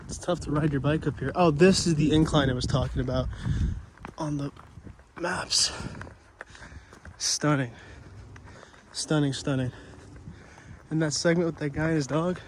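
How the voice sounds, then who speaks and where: A man's voice: on the high side, steady tone, unhurried, pauses often, background noise. A young man vlogging casually while walking outdoors, out of breath, chatty and easily amazed, joking at his own expense. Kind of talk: casual walk-and-talk vlog. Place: outdoors on a trail and city streets.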